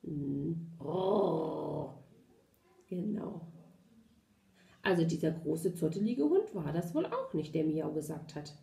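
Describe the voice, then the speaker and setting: A woman with a German accent, a kindergarten teacher reading a storybook aloud to children and asking them gentle questions. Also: sits low, big pitch swings, measured pace, vocal fry, a little hiss or hum. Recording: roomy echo.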